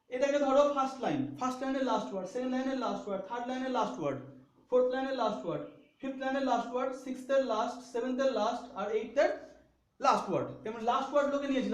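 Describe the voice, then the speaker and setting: In a reverberant space, a man with a very high voice teaches students a poetry lesson. He repeats himself and often asks questions to check they're following.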